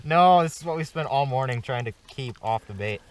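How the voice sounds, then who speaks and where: Animated and brisk, a young man with a medium-pitched voice jokes around in a laid-back ice fishing vlog. The scene moves from an open frozen lake to the inside of an ice fishing tent, recorded on an action camera held out at arm's length or placed nearby.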